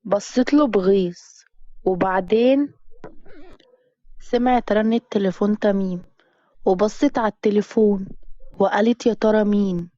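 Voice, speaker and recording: Woman storyteller, steady narration, dry close sound, dull audio. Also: medium pitch, moderate pace, pauses often, no room sound.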